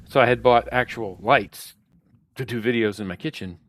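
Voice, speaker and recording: Speaking at a moderate pace in a mid-range voice, this podcast co-host chats casually about reselling through a headset, with no room sound. He's loose and profane, wandering off and restarting his sentences often.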